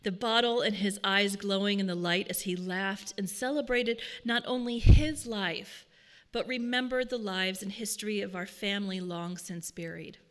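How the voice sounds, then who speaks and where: A woman giving a prepared personal talk, telling stories in a measured, earnest way. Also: medium pitch, fairly even intonation, fairly bright tone, in a large hall. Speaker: speaker.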